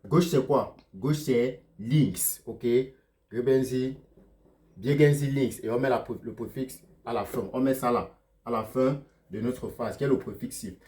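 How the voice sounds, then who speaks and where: A man teaching a lesson, checking in with "ok?" after almost every phrase and slowing down sharply on the words he is teaching. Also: mid-range voice, darkish tone. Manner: slows down sharply to spell out German words. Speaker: German teacher. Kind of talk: explaining lesson to learners.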